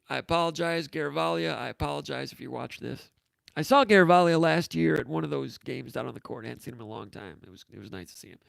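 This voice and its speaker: Male sports talk host, gravelly fry, rambling anecdotes, dry close sound. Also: fairly high pitch, fairly bright tone, no echo. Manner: rambling, anecdotal, with frequent restarts. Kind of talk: casual talk show storytelling.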